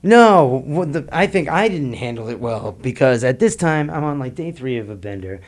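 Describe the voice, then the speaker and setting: A man's voice: mid-range voice, expressive, normal speed. A middle-aged man, a guest on a podcast, telling a long story in a rambling, profane way and laughing between lines. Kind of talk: casual storytelling.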